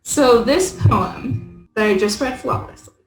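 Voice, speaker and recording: A woman's voice: a little high, unhurried, soft background music. Giggly woman playing a game in an echoey room. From Pacific Northwest. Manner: giggly, often laughing. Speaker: co-host and player. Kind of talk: casual chat.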